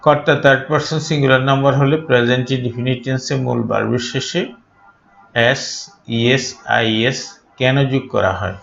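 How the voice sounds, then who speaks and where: A man teaching grammar in a slow, deliberate, drilling way, each word set apart. His voice has a gravelly edge. The recording is dull and lo-fi, with a roomy echo around it. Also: mid-range voice, fairly even intonation, fairly bright tone. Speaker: English teacher. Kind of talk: grammar lesson. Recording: echoey room, dull lo-fi sound.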